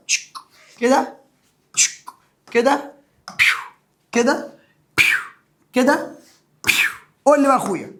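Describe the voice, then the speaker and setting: A man with an Egyptian accent teaching a math lesson to secondary students. He is animated and teasing, speaks straight to the student, and makes sound effects as he draws. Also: very high-pitched. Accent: Egyptian Arabic.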